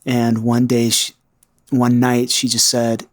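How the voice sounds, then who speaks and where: A man's voice: medium pitch, completely flat delivery, takes it slowly. Earnest man telling his story. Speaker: podcast guest. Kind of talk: personal testimony.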